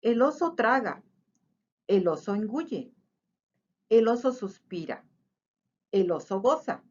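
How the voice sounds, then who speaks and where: A woman reading a children's picture book aloud in an expressive, sing-song way. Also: on the high side, slow pace, dull audio. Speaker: storyteller.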